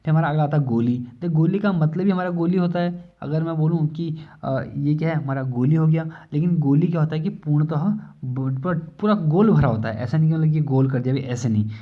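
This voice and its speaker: A man's voice: fairly high pitch, brisk, few pauses. Man teaching a casual exam-prep lesson. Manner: explains with many fillers and repeated questions. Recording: slightly dull lo-fi recording.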